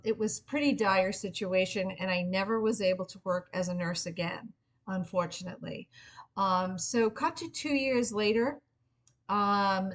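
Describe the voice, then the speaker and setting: A middle-aged woman giving an earnest, informal spoken pitch as personal storytelling, in a halting way with frequent pauses. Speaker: Reiki practitioner and memoir author pitching a book.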